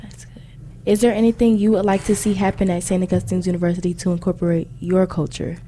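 A woman's voice: fairly low pitch, little pitch movement, quick pace, mellow, slight background noise. A young woman hosting a student interview, asking questions and encouraging her guests. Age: young adult. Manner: encouraging, brief affirmations.

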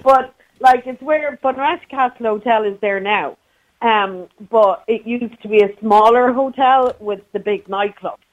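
A dull, band-limited phone-in recording of a middle-aged woman with a west of Ireland accent. Her voice sits fairly high. She chats in a loose, colloquial way, reminiscing as a caller to a radio show. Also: measured pace. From County Clare, west of Ireland. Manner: chatty, colloquial. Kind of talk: casual chat, reminiscing. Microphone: phone call to a radio show. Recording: dull, muffled call-in line.

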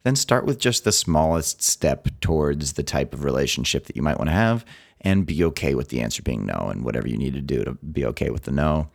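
A man's voice: rumbling low, lively intonation, brisk, creaky. A man co-hosting a podcast, giving earnest advice in a casual chat and riffing playfully. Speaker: podcast co-host.

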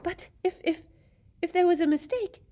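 A woman's voice: very high-pitched, normal speed, dark tone, pitched above the performer's own voice. A woman reading aloud and voicing an anxious teenage girl who stammers and whimpers in a storybook.

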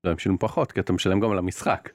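Relaxed middle-aged man chatting casually. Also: deep voice, no echo, studio quality. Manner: relaxed, explains with hesitant restarts and quoted voices. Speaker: podcast co-host. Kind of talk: casual chat.

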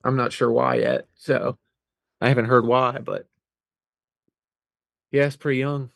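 A man's voice: mid-range voice, flat delivery, unhurried, creaky, dry recording, studio quality. A man in his forties co-hosting a podcast, telling stories in a laid-back, plainspoken way. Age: 40s. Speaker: podcast co-host. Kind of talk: casual conversation.

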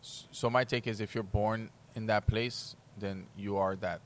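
A man's voice: on the low side, fairly even intonation, a little slow, slight background noise. A man from Hispaniola, a podcast guest talking casually and explaining things at length, with lots of "like". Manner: rambling explanations peppered with "like".

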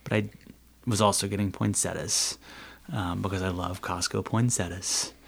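Male candidate, low and gravelly, wry and chatty in a podcast interview. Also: fairly even intonation, moderate pace. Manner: chatty, sarcastic, laughs at own jokes. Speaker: city council candidate.

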